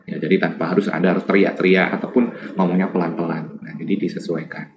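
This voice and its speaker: Deep-voiced man lecturing casually. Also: level tone, quick pace, noisy background. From Java, Indonesia. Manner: conversational, many fillers and tag questions. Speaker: lecturer on lab communication. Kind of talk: informal lecture.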